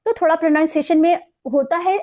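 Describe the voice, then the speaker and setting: A young Indian woman teaching English vocabulary, explaining meanings and reading example sentences slowly and carefully. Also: very high voice, a little mellow. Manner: mixes Hindi explanation with slow, carefully read English examples. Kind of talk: explaining word meanings in a lesson.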